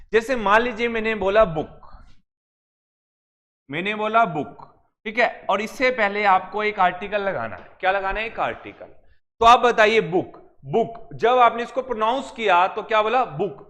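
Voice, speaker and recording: A man with a high, fairly bright voice teaches a class at a coaching center in front of students. In lecture style, he poses questions and answers them himself as he explains.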